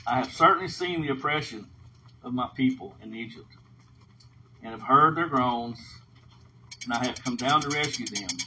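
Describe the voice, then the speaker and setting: With a pushed, bright medium-pitched voice, a Bible teacher moves at a moderate pace and leaves long pauses as he reads aloud and explains informally. He frequently adds a short "okay?"; the recording is dull, lo-fi, and faintly noisy.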